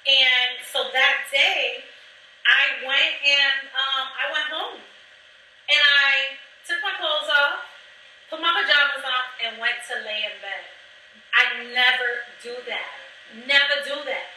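A woman's voice: high voice, takes it slowly, sharp tone. A woman chatting casually as a podcast host, telling a personal story straight to her listeners with plenty of fillers. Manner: chatty, addresses listeners directly, many fillers. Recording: echoey room, mic at a distance.

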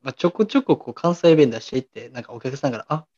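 A man's voice: mid-range voice, rapid-fire. A man with a Kansai accent chats casually on a comedy podcast. He answers his partner with short, dry retorts and steers the talk. The recording sounds muffled and lo-fi. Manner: deadpan retorts, wraps up the show. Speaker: podcast co-host.

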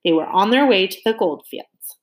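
A woman reading a children's novel aloud in a lively way, slowing down for emphasis and turning to her young listeners with questions. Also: mid-range voice. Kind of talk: expressive read-aloud of a novel.

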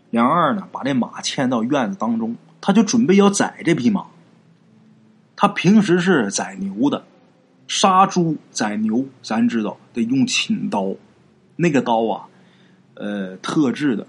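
Husky-voiced man telling a ghost story. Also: mid-range voice, lively intonation, unhurried. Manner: conversational, chatty asides to listeners. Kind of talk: oral folk storytelling to an online audience.

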